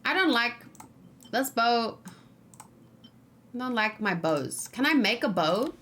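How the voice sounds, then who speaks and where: Keyboard typing, mouse clicks, and general noise fill the recording as a woman streams a game. Her fairly high voice is very animated and a bit bright, and she takes it slowly. As host, she thinks aloud in casual chat and often mutters to herself.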